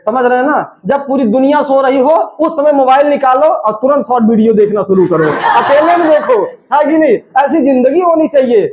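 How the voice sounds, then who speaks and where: A man teaching a spoken English class, shouting drill phrases and joking with his students. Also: very high-pitched, a little fast, few pauses, highs cut off, noisy background.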